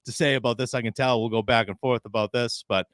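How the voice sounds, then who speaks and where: A man's voice: mid-range voice, steady tone, fast, fairly bright tone, no room sound, clean studio sound. A man co-hosting a casual wrestling podcast, retelling a story and laughing often. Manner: recounts stories, laughing often. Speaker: podcast co-host.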